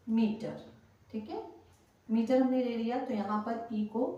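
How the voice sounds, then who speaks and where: A woman with a fairly high voice teaches pronunciation at a very slow, patient pace. She spells out words and repeats them. Her voice sounds far from the microphone in a strongly echoing room. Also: mellow. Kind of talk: slow spoken lesson. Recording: very echoey room, voice from off the mic.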